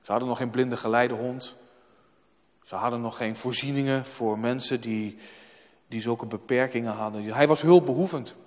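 A man's voice: medium pitch, moderate pace. A man preaching a sermon in a church, emphatic and repeating words for weight. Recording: long hall reverb.

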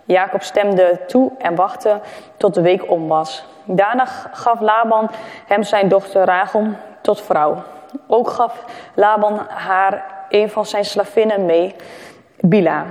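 A woman's voice: mid-range voice, darkish tone. Woman reading scripture in an echoing hall. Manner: hesitant, with fillers and restarts. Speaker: reader. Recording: long echoing reverb of a hall.

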